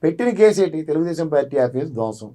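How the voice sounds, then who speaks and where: A man with a Telugu accent gives his analysis in a TV interview, talking quickly and with force. His voice sits a little high, and he keeps throwing rhetorical questions back at the interviewer while mixing in English phrases. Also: sing-song, warm tone. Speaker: political analyst guest. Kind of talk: TV news interview.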